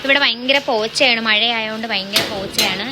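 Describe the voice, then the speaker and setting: A woman's voice: a little high, fairly quick, heavy background noise. A young woman, chatting casually as she gives a home tour and keeps calling out to her viewers. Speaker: vlogger giving a home tour.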